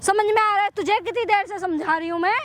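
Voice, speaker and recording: A woman plays a greedy, bullying young daughter-in-law in a staged street skit. She scolds in a very high voice, hammering the same threats and commands over and over. Faint noise of the open air by a river. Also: fast, a bit bright. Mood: threatening. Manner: scolding, threatening, repeating orders. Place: outdoors by a river.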